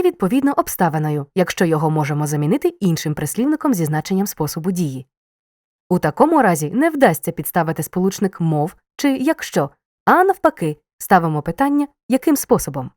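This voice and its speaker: A woman reading a scripted grammar lesson, explaining clearly and stressing key words. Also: on the low side, a little mellow, no room sound, studio quality. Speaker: teacher.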